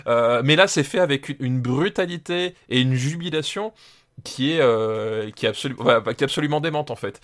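A man's voice: medium pitch, fairly quick, a bit bright. A man co-hosting a podcast, talking in an enthusiastic, slangy, casual way. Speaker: podcast co-host.

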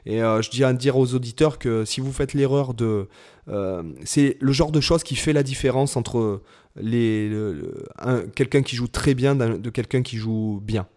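A man's voice: mid-range voice, a little slow, darkish tone. A man, a guitar teacher who hosts a channel, chatting casually and hesitantly with many restarts. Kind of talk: casual chat.

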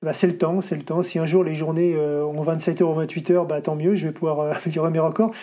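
A man's voice: fairly high pitch, little pitch movement, fast talker, dark tone. A middle-aged man as guest in an interview, answering at length with many fillers and restarts. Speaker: ultra-distance runner guest.

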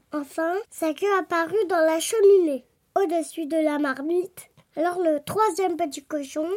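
A woman reading a children's fairy tale aloud in an expressive, lively storytelling manner. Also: extremely high pitch.

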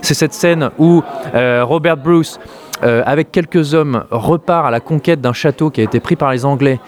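A man's voice: on the high side, normal speed. A man from France talking casually about a film, hesitant, with many fillers and restarts. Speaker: film critic.

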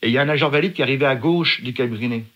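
A man's voice: medium pitch, very fast, lo-fi sound. A middle-aged man from France, telling his own story as a guest with vivid, emphatic delivery. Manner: vivid, emphatic, acts out shouted quotes. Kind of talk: dramatic personal storytelling.

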